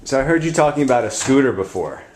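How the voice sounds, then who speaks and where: An interviewer in an amateur comedy sketch, asking questions calmly. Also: medium pitch, fast, background noise.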